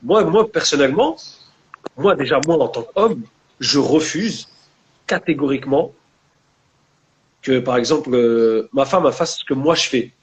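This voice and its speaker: In a rough recording with a little hiss or hum, a young guest author speaks expressively at a moderate pace in a mid-range voice, leaving long pauses. His French Maghrebi urban accent carries a casual mix of street slang and Arabic religious terms.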